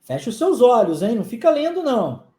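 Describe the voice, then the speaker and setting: An English teacher whose first language is Portuguese, giving a live online lesson. The teacher drills short phrases slowly and keeps checking in with the learners. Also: mid-range voice, sing-song, mellow, echoey room.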